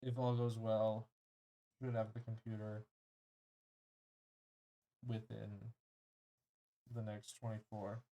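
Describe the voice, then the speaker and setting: A man's voice: lowish voice, completely flat delivery, slow, pauses often, mellow, highs cut off. A man playing a tabletop game with friends. He plans aloud, often restarting his sentences. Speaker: player. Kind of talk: casual tabletop game chat.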